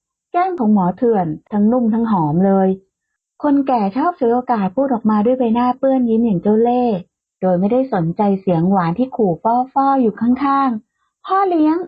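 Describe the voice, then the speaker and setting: A woman hosting and narrating a romance audio novel in a smooth, steady storytelling manner, with a tinny phone-like sound. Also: on the high side, brisk. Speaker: audiobook narrator and channel host.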